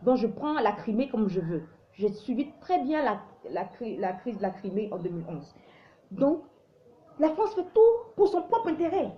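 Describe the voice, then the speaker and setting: A woman's voice: on the high side, very animated, moderate pace, highs cut off. A woman from Africa hosting a live show, giving opinionated commentary in an emphatic, preachy way that often stumbles and restarts.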